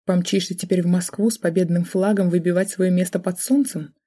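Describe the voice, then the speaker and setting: A woman's voice: lowish voice, fairly even intonation, a little fast, warm tone, natural voice. A woman voicing a cold, scornful middle-aged mother who talks with sarcastic contempt.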